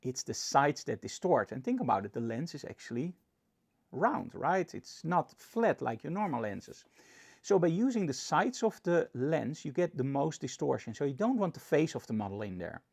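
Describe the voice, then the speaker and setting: A man teaching photography in a lively, explanatory presentation, with a Dutch accent. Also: on the high side, moderate pace, gravelly, slightly rough. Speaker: photography instructor. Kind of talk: presentation tutorial.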